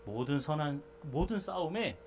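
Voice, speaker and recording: Male pastor, sermon voice, slightly high, fervent climaxes and conversational anecdotes, light background hum. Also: lively intonation, normal speed. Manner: swings from shouted exhortation to chatty storytelling. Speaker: senior pastor.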